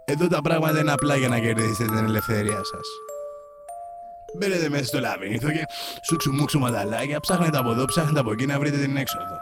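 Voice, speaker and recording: A man's voice: medium pitch, lightly acted. A man voicing a huge goat-like male beast who rules a labyrinth, playful and sing-song in a comic fairy-tale parody. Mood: mock-menacing. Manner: playful, sing-song, sudden squeals and shouts. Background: loud music.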